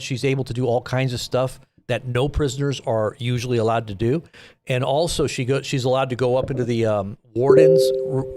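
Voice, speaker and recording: A man's voice: medium pitch, darkish tone. Casual rambling male news host. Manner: casual, rambling with fillers, incredulous. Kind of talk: live news commentary.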